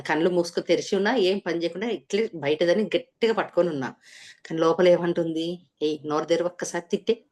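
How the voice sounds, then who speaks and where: A woman explains scripture to her listeners in a fairly low voice. She works through each verse, poses rhetorical questions and answers them herself. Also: darkish tone. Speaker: spiritual teacher. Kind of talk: scripture lesson.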